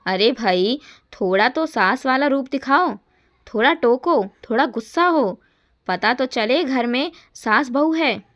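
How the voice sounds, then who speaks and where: A woman's voice: high-pitched, expressive, slow pace, a bit bright, full character voice. A woman voicing a jovial middle-aged father-in-law with a playful, teasing manner.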